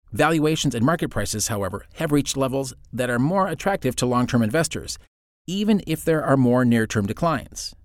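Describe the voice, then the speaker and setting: A man's voice: mid-range voice, no echo, studio quality. A man hosting a podcast, reading scripted financial narration. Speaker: podcast host.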